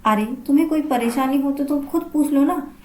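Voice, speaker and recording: An offhand, evasive young husband in a spoken family storybook, as a woman narrator puts him on. He sounds dismissive and a little higher than her own telling voice. The room around the voice is echoey. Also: moderate pace, mellow, close to an everyday voice. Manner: brushing things off. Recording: roomy echo.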